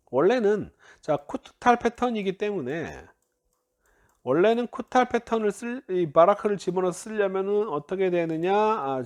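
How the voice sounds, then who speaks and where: A man teaching Hebrew grammar in a lecture, explaining step by step with frequent prompts and self-corrections. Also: fairly high pitch. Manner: explanatory, uses many "자" prompts, self-corrects and laughs lightly. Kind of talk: recorded classroom-style lecture.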